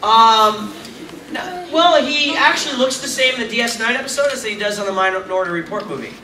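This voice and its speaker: At a casual Q&A with fans in a big convention hall, a middle-aged man speaks briskly in a very high, expressive voice that sounds pushed and bright. Chatty and rambling, he throws in self-mocking asides, recorded from far off in a noisy, echoey space.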